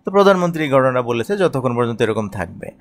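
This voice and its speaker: A man from Bangladesh teaches English through a newspaper editorial. He reads each English phrase slowly and deliberately, then translates and explains it in a measured, everyday voice of middle pitch. He keeps asking little questions aloud and answering them himself. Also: big pitch swings.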